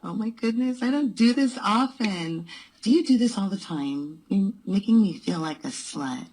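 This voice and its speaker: A woman making a teasing, suggestive prank call through a voice changer that shifts her voice deep. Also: expressive, moderate pace, a little mellow, rough recording. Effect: deep pitch-shifted voice changer. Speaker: prank caller. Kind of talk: flirty phone prank call.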